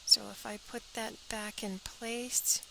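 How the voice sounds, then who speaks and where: A woman's voice: a little high, level tone, slow pace, creaky, fairly bright tone, a little hiss or hum, poor audio. A woman teaching a step-by-step sewing pattern drafting tutorial, practical and talking as she works, often dropping to an airy half-whisper.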